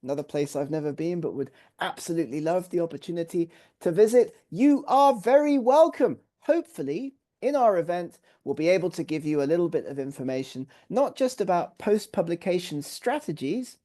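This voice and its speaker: A man's voice: high voice, animated, a little fast, hardly any pauses, dark tone. An English man hosting a live online webinar over a video call, upbeat and welcoming, piling on praise words. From England. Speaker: webinar host.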